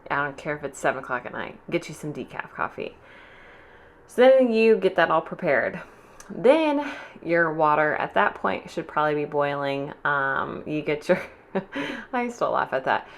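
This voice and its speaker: Low-voiced young woman, playful rambling chat. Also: a bit bright. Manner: playful, rambling and self-deprecating. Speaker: vlogger. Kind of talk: casual chatty coffee tutorial voiceover. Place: bedroom at a desk.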